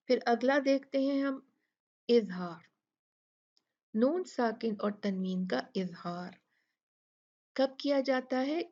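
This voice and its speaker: A woman teaching a recitation lesson, asking questions and answering them herself, and slowly sounding out example words. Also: fairly high pitch, warm tone, slightly rough. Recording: dull lo-fi recording.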